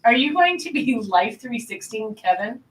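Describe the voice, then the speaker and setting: A woman's voice: on the high side, sing-song, moderate pace, a little hiss or hum, rough recording. A woman in her fifties co-hosting a casual chat show, effusive and enthusiastic. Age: 50s. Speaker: co-host.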